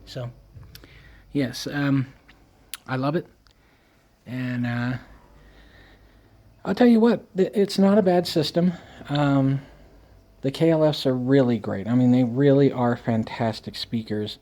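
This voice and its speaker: A man's voice: medium pitch, measured pace, pauses often, warm tone. A man with toothless, slightly slurred speech, casually rambling through a home audio review in a wry, self-deprecating, irreverent way.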